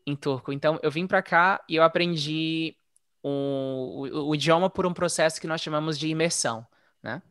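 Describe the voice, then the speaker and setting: A man telling his story in a relaxed, chatty way, as a guest in a casual interview. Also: fairly high pitch, normal speed, clean tone, no room sound, studio quality. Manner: relaxed, chatty, frequent "né?" tags. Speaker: interview guest, former English teacher living abroad.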